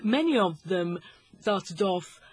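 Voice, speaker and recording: A man's voice: high voice, expressive, slow pace, husky, dry recording. A man interviewing a guest in a conversational way, putting questions and comments to them. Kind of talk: conversational radio-style interview.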